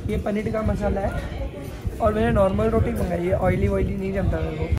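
A man's voice: high-pitched, level tone, fast talker, loud music behind the voice. A teenage boy chatting casually on a phone camera as he reviews food in a busy restaurant and scores each dish out of ten. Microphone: handheld phone camera. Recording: loud crowd noise behind.

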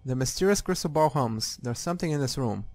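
A man's voice: mid-range voice, animated, fast talker, no room sound. A man giving casual, sweary playthrough commentary, reacting aloud as he plays a game. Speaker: gamer. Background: game music.

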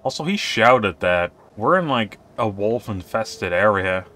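Lowish voiced guy chatting through a survival game, wry and offhand, faint noise. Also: expressive, a little slow, a bit bright. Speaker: gaming youtuber. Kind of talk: casual game commentary.

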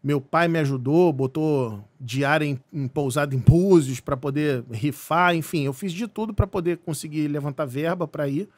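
A man from Brazil, telling a personal story as a podcast guest, animated and full of restarts. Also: on the high side, normal speed, few pauses, no echo. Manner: animated, many restarts and repeated words. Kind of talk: casual storytelling.

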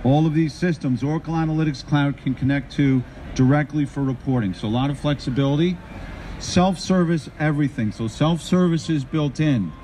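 A man's voice: on the high side, fairly quick, dark tone. A middle-aged man giving a live tech talk on a trade show floor into a handheld mic, upbeat and quizzing the audience. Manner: upbeat, addresses the crowd with questions. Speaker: conference presenter. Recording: faint show-floor noise.

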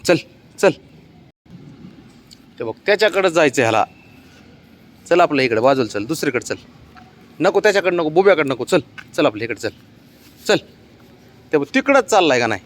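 A man's voice: fairly high pitch, sing-song, normal speed, pauses often. A man talking casually to his pet cat, coaxing it with short repeated calls.

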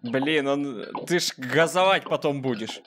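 Male gaming host, mid-pitched, casual, sarcastic commentary aimed at the character on screen. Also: a little slow, noisy background. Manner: sarcastic, talks to the game character. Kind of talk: casual joking gameplay commentary.

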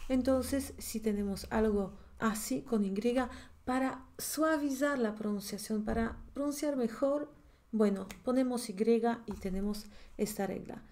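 A Polish-accented woman teacher works through grammar out loud, pausing and repeating words as she checks each one. Her voice is mellow and dark in tone, fairly high in pitch, and she talks at a very slow, deliberate pace. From Poland. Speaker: language teacher. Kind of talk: thinking-aloud lesson preparation.

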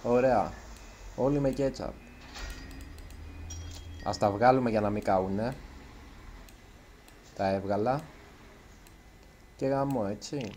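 A nervous man chats his way through a video game in let's play commentary, his voice sitting at an ordinary middle pitch. He is self-conscious and trips over his words now and then. Faint background noise hums under the recording. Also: long pauses, dark tone. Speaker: gaming YouTuber.

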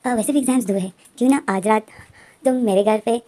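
A woman's voice: fairly high pitch, fast, mellow, lightly acted. A woman voicing a cheeky teenage schoolboy friend who jokes around and then plays innocent. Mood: scheming.

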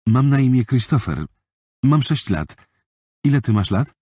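A man's voice: mid-range voice, sing-song, measured pace, mellow, breathy edge, dry recording, studio quality, pitched above the performer's own voice. A man voicing a shy, earnest six-year-old boy in a storybook, asking careful, hesitant questions.

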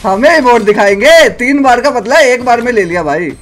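A man from India commentating a mobile shooter match, shouting quick callouts to his squad. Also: very high-pitched, lively intonation, a little hiss or hum. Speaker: gaming channel host. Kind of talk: excited gameplay commentary with squad.

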